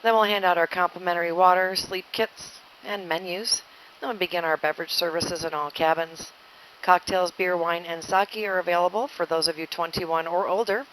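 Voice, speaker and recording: Over a noisy airplane cabin PA, a woman flight attendant gives an inflight announcement using the handset. Her fairly low voice is steady and a bit bright, at a moderate pace.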